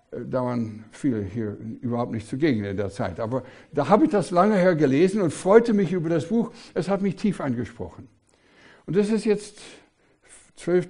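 Older male preacher, mellow, slightly raised voice, emphatic sermon with rhetorical questions. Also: fairly high pitch.

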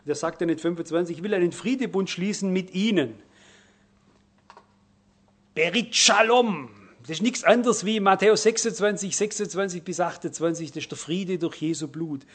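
A middle-aged man delivers a sermon in a fairly high voice. He leans hard on key words, stretching them out and getting louder, then falls back to a hushed aside. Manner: emphatic, slows down and swells in volume on key words, then drops quiet. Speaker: preacher.

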